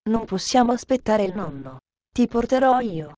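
A woman voicing an eager little mountain girl, bold and warm, who talks in an urgent, insistent way. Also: fairly high pitch, animated, moderate pace, dry recording, natural voice.

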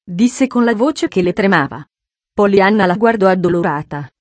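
A woman reads a children's novel aloud in a measured, expressive narration. Her voice sits at an ordinary pitch and is recorded close and dry, with no room sound. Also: dry recording. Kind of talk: audiobook narration.

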